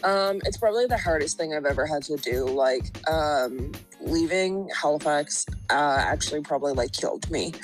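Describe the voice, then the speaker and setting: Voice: medium pitch, lively intonation, moderate pace, few pauses, soft background music, poor audio. Young adult with a Nova Scotian accent. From Nova Scotia, Canada. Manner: heartfelt, filler-heavy. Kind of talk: casual chat.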